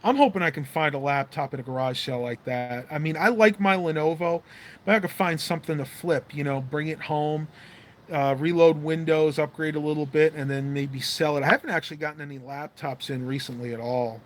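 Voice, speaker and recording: Hosting a casual livestream, a man with a slightly high voice talks a little fast, rambling and chatting through viewer comments with plenty of fillers. His mouth is dry and his voice is fading as he loses it.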